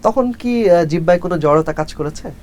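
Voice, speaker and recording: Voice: medium pitch, animated, fairly quick, darkish tone. An entertainment interviewer from Bangladesh with a Bangladeshi Bengali accent, asking long, winding questions with fillers.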